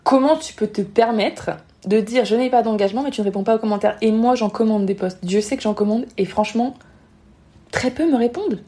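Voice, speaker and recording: A woman talking at a rapid clip as a podcast guest, blunt and emphatic. She dramatizes what people think in little acted-out asides. Her pitch sits in a middling range. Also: mellow. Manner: rapid, emphatic, frank, acts out quoted thoughts. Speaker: guest, Instagram marketing expert. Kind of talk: podcast interview, advice.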